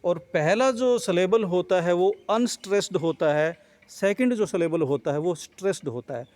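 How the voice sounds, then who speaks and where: A man's voice: high voice, darkish tone, dry recording. A male teacher giving an explanatory lecture on poetry, repeating and rephrasing each point with fillers. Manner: reads English lines slowly, then explains in Hindi.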